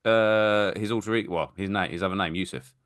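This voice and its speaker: A man's voice: fairly low pitch, fairly quick, fairly bright tone, clean tone, no room sound, clean studio sound. A man co-hosting a casual podcast, jokey and a bit fumbling as he chats. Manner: jokey, fumbling, easily flustered. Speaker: podcast co-host.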